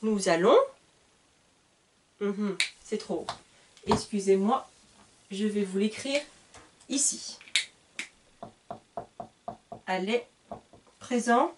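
A woman's voice: mid-range voice, extremely slow, long pauses, background noise. A woman teaching a French grammar lesson at a whiteboard. She spells out word endings letter by letter and corrects herself patiently as she goes. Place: classroom at a whiteboard. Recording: voice a little far from the mic.

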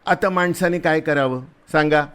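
A man playing a big, rough soldier who is blustering but kind, talking loudly in a scolding, teasing way. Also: on the high side, normal speed, voice pushed up, natural voice.

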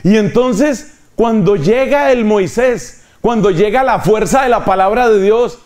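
A man's voice: high voice, unhurried. Impassioned male preacher, raised voice. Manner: impassioned, rising to near shouts on key lines. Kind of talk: sermon.

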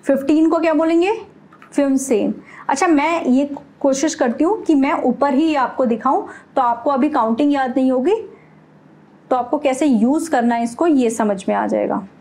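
An Indian woman with a high, light voice teaches a beginner language lesson at a moderate pace, her tone somewhat dark. She keeps asking the learner questions and answering them herself, mixing English words into her explanations.

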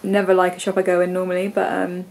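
She delivers her words in a completely flat way at a quick pace, her fairly low voice gravelly and darkish. A young English vlogger in her twenties with a stuffy, congested nose, she rambles casually with many ums and likes, holding the camera at arm's length in her bedroom.

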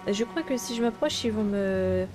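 A female gaming streamer with a medium-pitched voice gives casual let's play commentary at a moderate pace. She's chatty and exclaims often, addressing both her viewers and the on-screen characters over game music.

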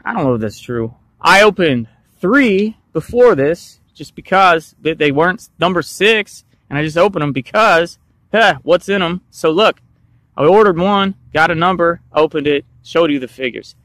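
A man with a fairly high voice hosts a casual toy unboxing vlog. He jokes, hypes things up and then drops into quick mumbled asides. The sound is close and dry. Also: no echo. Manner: animated, jokey, swings between loud hype and mumbled asides. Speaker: toy review host.

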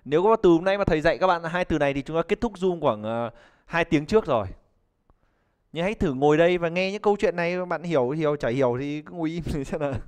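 A chatty young man teaches a live online pronunciation lesson. His voice sits a little high for a man, and he keeps calling on students and cracking jokes as he goes. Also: fast, a little mellow, clear, resonant tone. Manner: chatty, joking, calls on students to respond. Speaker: English teacher.

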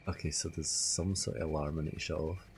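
Casting: Scottish male game streamer, casual running commentary, deep voice with plenty of fry. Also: level tone, quick pace, a little mellow, a little hiss or hum. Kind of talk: casual live gameplay commentary, chatting to viewers.

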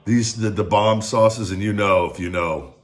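A middle-aged man with a low-pitched voice hosts a casual review to camera. He talks bluntly and swears freely, in an informal chatty style. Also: fairly even intonation, measured pace. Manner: blunt, foul-mouthed. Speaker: host reviewing hot sauce. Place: room at home, indoors.

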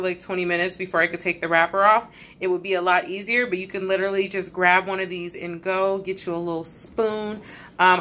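A woman's voice: mid-range voice, bright, forceful tone. A young woman casually talking viewers through her meal prep in a chatty, direct way. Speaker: vlogger. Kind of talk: casual cooking vlog.

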